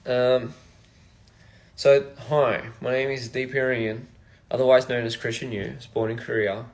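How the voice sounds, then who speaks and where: On a phone livestream, a young Australian musician chats casually, soft-spoken and reflective as his thoughts drift from one to another. His mid-range voice has a flat delivery and a measured pace.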